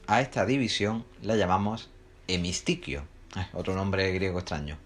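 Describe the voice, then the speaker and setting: A man's voice: low voice, normal speed, fairly bright tone, a little hiss or hum. A man teaching a recorded lesson, explaining step by step and answering his own questions. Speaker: literature teacher. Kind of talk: recorded lecture for students.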